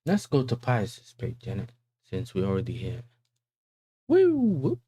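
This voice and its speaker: A man's voice: low voice, normal speed, dark tone, slightly rough. A man with an urban London roadman accent, hosting a casual football livestream in slangy talk full of tag questions. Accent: London, urban street style.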